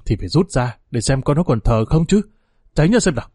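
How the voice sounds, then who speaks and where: A man's voice: medium pitch, expressive, brisk, warm tone, breathy edge, no echo, studio quality. A man voicing a stern, weary village father who speaks in a firm, clipped way.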